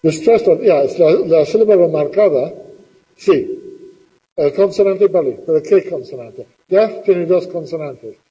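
A middle-aged male teacher, his voice a little high for a man, speaks very slowly and patiently, putting question after question to the class. He is recorded from a distance in a classroom with a long echo, and the sound is muffled. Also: lively intonation, mellow. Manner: slow, patient questioning, repeating students' answers. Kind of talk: classroom lesson with questions to students.

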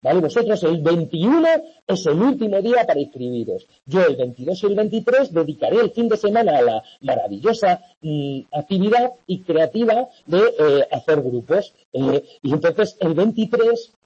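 A man's voice: on the high side, sing-song, moderate pace, few pauses, dark tone, slightly rough, muffled recording. A man from tutoring an online university class, explaining coursework patiently and checking often that students follow. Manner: patient, repetitive, frequent "¿vale?" checks.

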